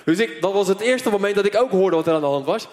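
A man preacher telling a story in an animated sermon, full of fillers, before a church audience. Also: high voice, fast talker. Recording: long hall reverb.

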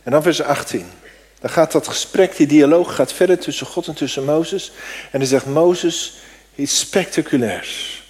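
Middle-aged preacher in a reverberant hall. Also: male voice, a little high, normal speed. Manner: swings between loud emphatic declaring and hushed near-whispered prayer. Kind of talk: sermon.

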